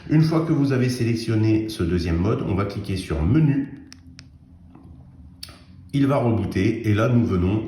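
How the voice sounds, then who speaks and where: A man with a fairly low, very mellow voice talks through a product demonstration in a roomy, echoing space. He explains step by step in a casual reviewer's style and freely gives his own opinion. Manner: explanatory, opinionated, frequent 'hein' tags. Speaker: radio equipment reviewer. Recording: roomy, echoey indoor recording.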